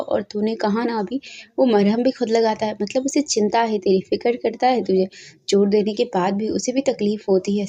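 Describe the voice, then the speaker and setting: A woman narrating a romance story aloud, acting out each character's dialogue in an expressive voice. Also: medium pitch.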